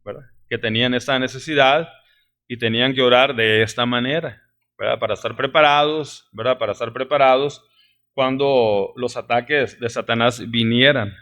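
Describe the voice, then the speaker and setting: A man preaching a sermon, emphatic, his voice rising sharply on key words and dropping low on asides, often adding "¿verdad?" and "hermanos". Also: fairly even intonation, normal speed, fairly bright tone. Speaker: pastor. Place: church sanctuary.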